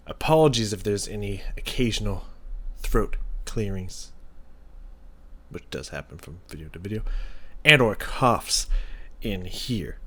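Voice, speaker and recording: A man's voice: sits low, pushed and bright, slightly rough. A man chatting casually as a reaction host, slangy and sweary, with a slightly thin voice as he gets over a cold. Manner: laid-back, slangy, sweary. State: getting over a cold, throat-clearing. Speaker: music reaction channel host. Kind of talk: casual chat, album reaction intro.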